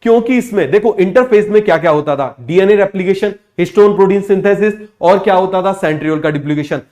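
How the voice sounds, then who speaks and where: A young man teaching biology for an exam, drilling students with repeated quick questions and answers, and using English terms with an Indian accent. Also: high-pitched, darkish tone. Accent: Indian English terms within Hindi speech. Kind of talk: exam-prep lecture.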